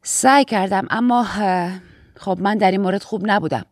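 A woman voicing a blunt, self-mocking young woman in an audiobook, speaking in a wry, halting way. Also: medium pitch, no echo, clean studio sound, close to an everyday voice. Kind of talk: audiobook character voice.

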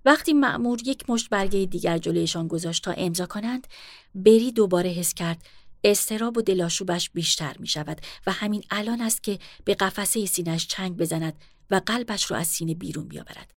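Woman reading a novel aloud, steady and even, mid pitch, super dry close sound. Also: no room sound. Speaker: audiobook narrator. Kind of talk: scripted narration.

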